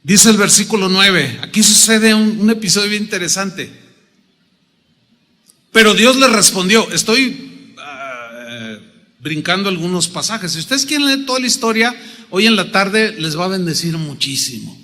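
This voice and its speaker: A man preaching a sermon as pastor, animated and playful as he acts out the people in the story. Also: sits high, unhurried, long reverb tail. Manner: animated, acts out biblical figures with humor.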